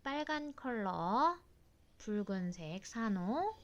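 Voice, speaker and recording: A woman's voice: mid-range voice, big pitch swings, slow, muffled recording. A woman reading a picture book aloud to her toddler, exclaiming in a sing-song way and asking playful, simple questions. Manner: exclaiming and sing-song, child-directed, polite simple sentences.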